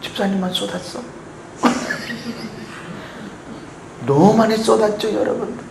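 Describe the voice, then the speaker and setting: Male pastor, high voice, dramatic sermon that rises to shouts and drops to hushes, echoey church room. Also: measured pace, gravelly, very noisy. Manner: dramatic, swinging from shouted peaks to hushed near-whispers. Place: church sanctuary. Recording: echoey church hall with faint ambience.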